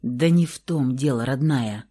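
Woman voicing a hoarse, wounded ancient vampire. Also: rumbling low, unhurried, voice pushed down, full character voice. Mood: gentle. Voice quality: hoarse, hushed. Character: wounded ancient male vampire, weak and tender. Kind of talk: audiobook role reading.

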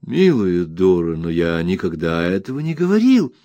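A patient young husband, as read by a male narrator, soft and earnest, pleading gently with a lively, rising and falling pitch. The voice sits dry and close to the mic. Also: moderate pace, no echo, lo-fi sound. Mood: gentle.

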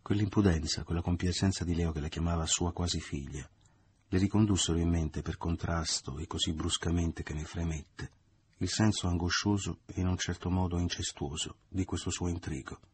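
Man reading a novel out loud, deep raspy voice, steady audiobook pace. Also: dry recording. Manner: measured literary reading. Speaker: narrator.

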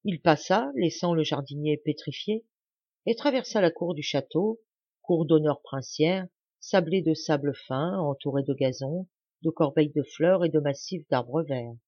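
A woman reading a classic novel aloud in an expressive, dramatic narration, recorded dull and muffled. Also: sits low, a little slow, husky, no echo. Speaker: audiobook reader. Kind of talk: scripted literary narration.

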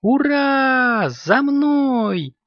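A man's voice: high-pitched, wildly swooping pitch, normal speed, creaky, dry recording, voice pushed up, full character voice. Korzhik, a man doing a bouncy kitten boy. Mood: excited. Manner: eager, bouncy, impatient. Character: excitable little boy kitten. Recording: dull lo-fi recording.

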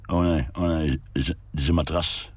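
A man's voice: a bass voice, fairly even intonation, normal speed, a little mellow, slightly rough, no room sound. A man voicing a weary, wistful drinking man of about fifty who mumbles and rambles, humming to himself, in a read-aloud story. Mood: rambling.

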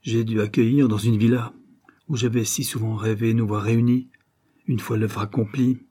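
A man's voice: lowish voice, level tone, moderate pace, mellow, breathy edge. A man voicing a proud, grieving older countess, a mother torn over vengeance, in an impassioned declamatory reading. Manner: intense, emotional, declamatory. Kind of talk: audiobook reading.

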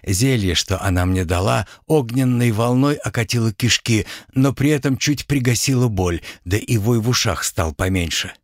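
A man narrating an audiobook in a steady first-person reading. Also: medium pitch, normal speed, few pauses, no room sound, studio quality.

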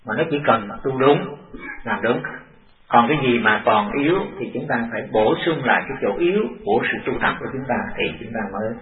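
An older monk teaches a class at a measured, halting pace, circling back over his own phrases. His voice sits at a middling pitch and comes from away from the mic. The recording is a tinny, phone-like old tape in an echoey room. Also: far from the mic. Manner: halting and deliberate, repeating phrases. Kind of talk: dharma talk to a class.

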